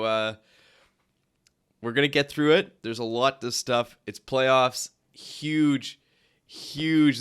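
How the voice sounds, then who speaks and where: A young man hosts a casual sports podcast while congested from a cold, his nose stuffy. His mid-range voice is fairly bright, clear and resonant, and he rambles with many fillers and restarts.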